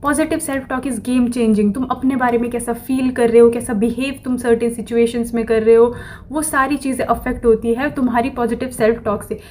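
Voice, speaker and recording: A woman's voice: on the high side, fairly even intonation, moderate pace, darkish tone, slight background noise. Repetitive, earnest woman giving pep talk. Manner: repeats phrases over and over, mixes English affirmations into Hindi. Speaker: self-improvement vlogger. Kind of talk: casual motivational talk to camera.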